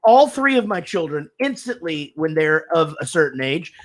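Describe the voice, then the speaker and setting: A man's voice: on the high side, normal speed. A man in his thirties, a podcast co-host and father, telling stories in profane casual chat and acting out the other people's voices. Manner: animated storyteller, doing voices in quotes.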